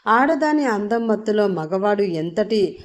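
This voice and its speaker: A scheming wealthy villainess, put on by a woman reading an audio story. She taunts in a scornful, mocking tone at a middling pitch. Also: animated, a little slow, lightly acted. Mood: spiteful.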